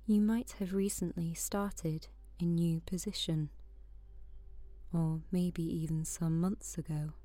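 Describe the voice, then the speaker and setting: A woman guiding a sleep meditation in a soft, soothing voice that often drops to a whisper. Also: on the low side, steady tone, slow pace, no echo. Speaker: meditation guide.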